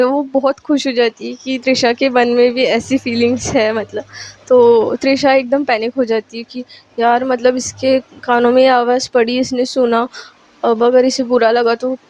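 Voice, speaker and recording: A woman's voice: high-pitched, darkish tone. Chatty woman telling a love story. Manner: chatty, mixes English words into her speech. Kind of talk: casual story narration. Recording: lo-fi recording.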